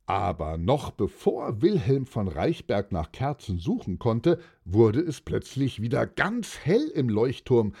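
A man's voice: medium pitch, mellow, husky. A man narrating a children's audio story with dramatic delivery. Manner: dramatic narration with many voiced characters.

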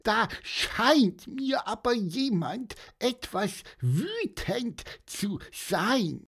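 A woman's voice: on the high side, big pitch swings, extremely slow, husky, exaggerated voice. A woman voicing a small, curious creature who asks hesitant questions in a children's audio story.

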